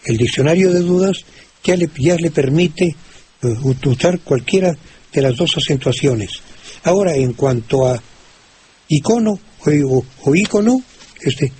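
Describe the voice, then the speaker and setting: Slow, hesitant older Mexican man. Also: a little high, a little mellow. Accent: Mexican Spanish. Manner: slow and hesitant, many restarts and fillers. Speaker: language expert answering listener questions. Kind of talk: radio call-in chat. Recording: old radio recording with faint hiss.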